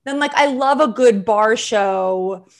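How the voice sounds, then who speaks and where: A woman's voice: a little high, slow pace. A woman, hosting a podcast as a comedian. She chats casually and says "like" often. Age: 30s. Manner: chatty, heavy use of "like".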